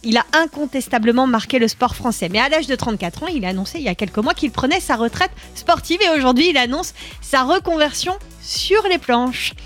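A woman reads out light news items on a studio radio show, brisk and informative with a touch of humor. Her voice is a little higher than most women's, with soft music underneath. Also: lively intonation. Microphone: studio microphone.

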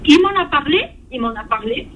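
A woman calling a radio talk show from her car speakerphone, speaking in a halting, hesitant but candid way over a dull phone line. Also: high voice, expressive, slight background noise. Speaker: radio call-in caller.

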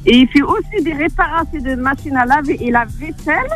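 High-pitched woman caller with a smiling voice. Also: fairly quick, faint music behind. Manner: smiling voice, cheerful. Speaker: radio phone-in caller. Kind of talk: casual chat, reading out a small ad.

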